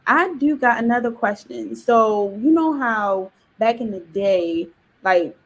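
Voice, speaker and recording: A young woman hosting a casual panel discussion, relaxed and chatty, asking questions. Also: on the high side, slow, rough recording. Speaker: discussion host.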